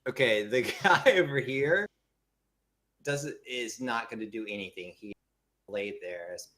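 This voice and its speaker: A man's voice: medium pitch, unhurried, pushed and bright. A man running a tabletop game as game master, narrating the action with playful asides.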